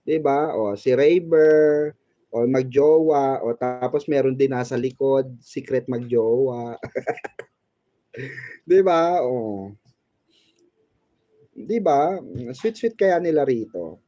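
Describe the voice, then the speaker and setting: A man's voice: mid-range voice, slow, long pauses, dark tone, no room sound, muffled recording. A man hosting a fan channel, chatting about showbiz in a gossipy, teasing way and laughing often. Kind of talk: casual showbiz commentary.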